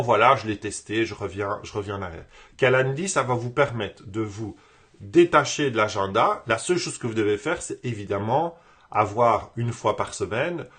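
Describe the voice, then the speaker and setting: Husky-voiced man coaching entrepreneurs. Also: on the low side, fairly bright tone. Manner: conversational, halting with repeated words. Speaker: business coach. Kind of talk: live online tutorial.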